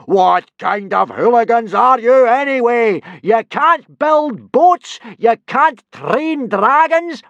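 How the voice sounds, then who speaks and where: Furious Viking instructor, high-pitched bellow, booming, scornful, storybook character. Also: male voice, a bit bright, no room sound, dull audio, full character voice. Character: enraged bellowing Viking pirate instructor, adult man.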